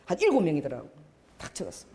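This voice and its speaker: A woman's voice: on the low side, huge pitch swings, fast talker, warm tone. A middle-aged woman pastor preaching a sermon, telling a story and acting out the voices in it.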